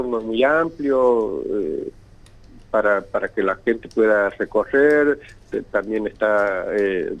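A man from Santiago del Estero, Argentina, with a local accent, speaking as an event organizer in a radio interview over a bad phone connection, hesitant and repeating words often. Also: medium pitch. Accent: Santiago del Estero Argentine Spanish. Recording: tinny, choppy phone line.

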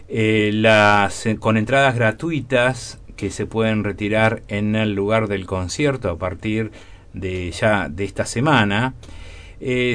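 A man's voice: lowish voice, fairly bright tone. A man with an Argentine accent hosting a radio interview, chatty and enthusiastic as he promotes a concert. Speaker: radio host.

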